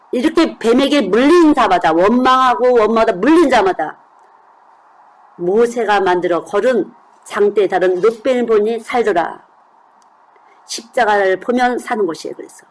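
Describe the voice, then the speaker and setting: A woman's voice: medium pitch, rough recording. A middle-aged woman delivers a sermon in an easy, talking tone. She keeps turning to the congregation with questions. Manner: conversational, asks the congregation questions. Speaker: children's missionary preacher.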